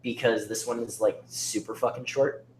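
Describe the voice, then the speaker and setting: A man hosts a casual livestream, chatting with plenty of fillers as he moves things along. His voice sits at an average pitch. The room sounds roomy and a faint ambience runs underneath. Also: fairly even intonation, normal speed, a little hiss or hum. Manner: chatty, filler-heavy host talk. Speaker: livestream host.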